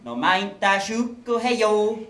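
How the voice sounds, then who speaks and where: A man's voice: high voice, lively intonation, slow, fairly bright tone. A man with a Basel Swiss German accent performing satirical carnival verses on stage. He lands his punchlines in a dry, wry way. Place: event stage in a hangar. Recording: roomy hall echo.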